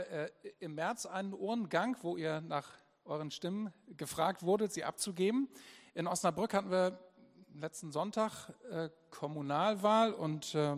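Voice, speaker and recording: A pastor preaching a sermon, deliberate and emphatic, repeating his key phrases. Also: a little high, big-room sound.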